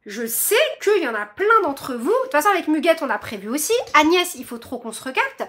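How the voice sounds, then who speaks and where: Very animated and brisk, this crochet vlog host speaks in a high-pitched, pushed, bright voice. The young woman rambles cheerfully to her viewers, full of fillers, and describes herself as a chatterbox.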